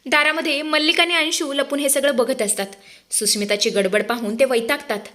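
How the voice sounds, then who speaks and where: A woman narrating a dramatic TV serial recap in an expressive way, addressing the audience directly. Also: sits high, a little fast.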